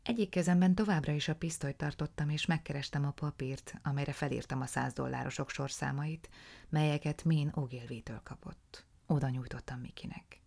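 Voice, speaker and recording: Egy nő krimit olvas fel hangoskönyvként, mély, érdesen recsegő hangon. Gyakran suttogóra halkul, visszafogottan, feszesen meséli a történetet. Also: female voice, sits low, gravelly, darkish tone. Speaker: audiobook narrator. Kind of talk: scripted narration of a crime story.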